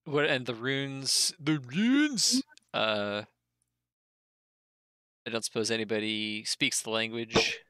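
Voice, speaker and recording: A man's voice: medium pitch, takes it slowly, long pauses, bright, forceful tone. A man chatting casually as a player in a tabletop game.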